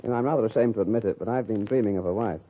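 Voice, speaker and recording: A man's voice: lowish voice, racing, breathy edge, a faint crowd. An actor playing a bashful young male suitor in a 1940s radio comedy. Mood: shy. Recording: lo-fi old broadcast, audience, hiss.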